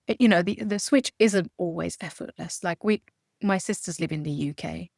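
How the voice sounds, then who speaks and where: This lowish, gravelly, slightly mellow voice at normal speed belongs to a native Hungarian speaker in her forties from Romania and Hungary. She's an animated interview guest who often starts her sentences over, captured in a dry, studio-quality recording.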